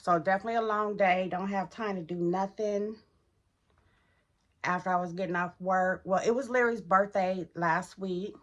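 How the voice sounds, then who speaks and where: A woman's voice: medium pitch, steady tone, normal speed, fairly bright tone, muffled recording. A middle-aged woman vlogging casually while getting ready, chatty and talking to viewers as y'all, in a groggy morning voice. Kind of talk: casual get-ready-with-me vlog.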